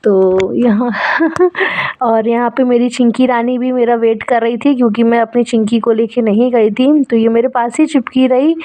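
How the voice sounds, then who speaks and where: A woman's voice: on the high side, warm tone. A young woman narrating her vlog in a chatty, affectionate voice-over with plenty of fillers. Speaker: vlogger.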